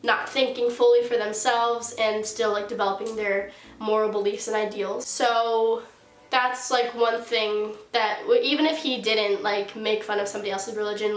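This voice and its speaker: Congested from a sinus infection, a late-teen YouTuber chats through a casual storytime vlog, leaning heavily on "like." Her fairly high voice holds a steady tone at a moderate pace, and the recording has a roomy echo.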